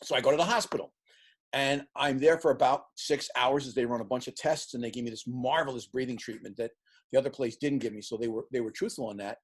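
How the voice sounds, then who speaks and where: A man in his sixties, an interview guest who tells lively stories and acts out the voices of the people in them. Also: medium pitch, fast, breathy edge. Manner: animated storyteller acting out quoted voices. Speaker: interview guest, sports team executive. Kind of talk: casual storytelling in an interview.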